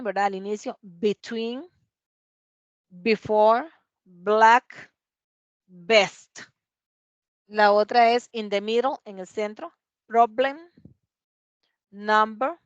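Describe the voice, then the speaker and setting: A woman teaching a class, explaining patiently, sounding out words slowly and clearly, and often checking that her students follow. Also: medium pitch, no room sound, highs cut off. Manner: often checks understanding with tag questions. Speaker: English teacher. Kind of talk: classroom lesson.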